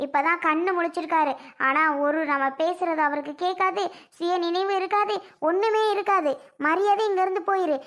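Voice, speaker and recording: A woman's voice: extremely high pitch, steady tone, moderate pace, fairly bright tone. A woman voicing a stern mother in a cartoon family serial, harshly ordering her daughter to leave. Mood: scolding. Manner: harsh scolding, commanding.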